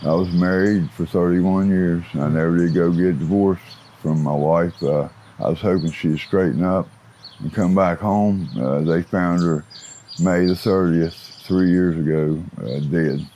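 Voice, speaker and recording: A low-voiced Appalachian man in his fifties with a plain-spoken biker manner. He gives candid interview answers in rough, folksy grammar, with clear outdoor noise and birdsong around him. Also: steady tone, measured pace, dark tone. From West Virginia. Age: 50s. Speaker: interview guest, former biker gang associate. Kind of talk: candid interview answers about own life.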